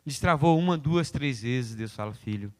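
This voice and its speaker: A man's voice: fairly high pitch, very animated, moderate pace. A man preaching a sermon, acting out prayers and God's replies and calling on listeners by name. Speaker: pastor. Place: church hall. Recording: long reverb of a church hall.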